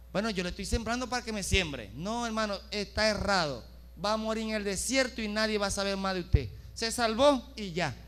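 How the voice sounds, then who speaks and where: A middle-aged pastor from Venezuela delivers a sermon in a church. His voice sits very high and sounds bright and forceful. He keeps asking the congregation questions and acts out short exchanges between people. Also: smooth. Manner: preaching with questions to the congregation and acted-out dialogue.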